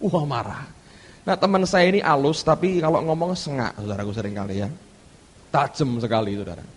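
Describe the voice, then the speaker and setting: A male pastor preaching a sermon, telling a story with animated delivery and often addressing the congregation directly. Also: mid-range voice, brisk. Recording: echoey church hall.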